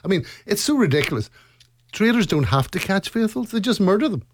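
A man's voice: sits high, sing-song, fairly quick, no echo. A man with a Northern Irish accent telling his story as a guest in a casual, emphatic way, repeating phrases for effect. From Northern Ireland, County Antrim. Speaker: interview guest, reality show contestant.

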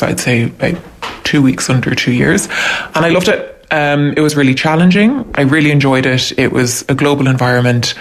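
Woman, voice disguised deep for anonymity, gravelly fry, kinda hesitant w lots of ums. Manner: hesitant, halting, with many fillers. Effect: voice altered to sound deeper, disguising her. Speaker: interviewee, new mother. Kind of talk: personal account in a news report. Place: at home.

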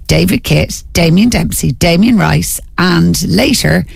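A woman's voice: fairly low pitch, a little slow, gravelly, breathy edge, dry recording, clean studio sound. An Irish woman co-hosting a radio show, chatting in a rambling, talkative way. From Ireland. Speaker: radio co-host. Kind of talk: casual radio chat. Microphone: studio mic.

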